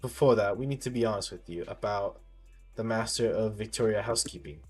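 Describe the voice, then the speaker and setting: Male game player, lowish voice, reads story dialogue aloud and fixes slips as he goes, over music. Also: slightly rough. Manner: halting reading with misreadings corrected. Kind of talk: reading game story text aloud with reactions.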